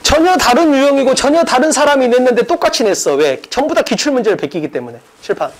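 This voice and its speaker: This speaker has a high, expressive voice and talks fast, captured on a rough recording. As an academy director and English test-prep instructor, they explain a mock exam to students, casual yet forceful, drilling ideas by repeating them and posing rhetorical questions in loose, informal speech.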